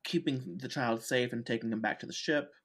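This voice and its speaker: A man's voice: medium pitch, fairly quick, fairly bright tone. A man co-hosting a podcast, casually recapping with wry asides and many fillers. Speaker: podcast co-host. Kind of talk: casual chat.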